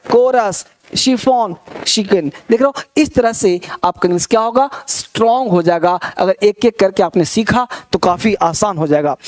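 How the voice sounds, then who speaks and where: A man from India teaching English pronunciation, slowly reading out word lists one by one and explaining the spelling rules. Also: very high voice. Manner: slow, drawn-out word-by-word drilling. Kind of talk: spoken pronunciation lesson.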